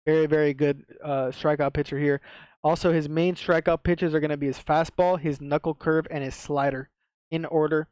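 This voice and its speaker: A man's voice: on the high side, flat delivery, normal speed, a little mellow, clear, resonant tone, no echo, highs cut off. A man with a slight lisp from wearing a retainer, giving casual, slangy sports betting commentary to viewers. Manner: slangy, swearing, repeats himself for emphasis. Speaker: sports betting tipster, video host.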